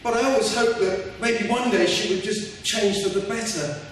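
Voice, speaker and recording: A man's voice: high voice, steady tone, moderate pace, natural voice. A man playing a meek, henpecked baron in a stage pantomime, hesitant and faltering. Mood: wistful, resigned. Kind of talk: amateur stage pantomime acting. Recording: echoey hall from far off, faint noise.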